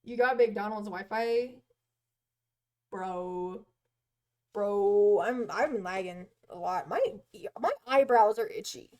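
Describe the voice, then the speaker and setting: This woman has a medium-pitched, slightly mellow voice and talks at a slow pace. On a gaming livestream she chats casually in an excitable, slangy gamer way, exclaiming and giggling.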